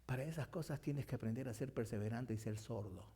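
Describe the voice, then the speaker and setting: A man preaching a sermon as pastor, emphatic and repetitive, swinging from loud declarations to hushed phrases. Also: mid-range voice, fairly quick, husky.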